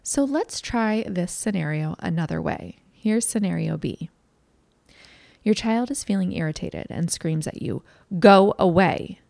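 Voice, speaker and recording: A woman's voice: on the low side, sing-song, unhurried, gravelly, warm tone, no echo. A mother talking earnestly and candidly to parents, in a conversational way, as a parenting educator. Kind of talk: talk to parents.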